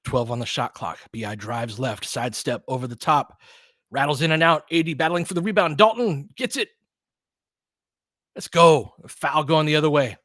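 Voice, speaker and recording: Speaking in a slightly high voice at a moderate pace, this fan commentator gives informal, one-sided play-by-play in short bursts, firing up when big plays happen. The recording is dry and studio quality.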